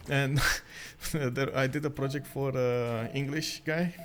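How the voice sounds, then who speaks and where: A Romanian esports caster with a Romanian accent hosts a stream and commentates a strategy game, his chatty, halting talk often breaking into laughter. His voice is medium-pitched with a steady tone.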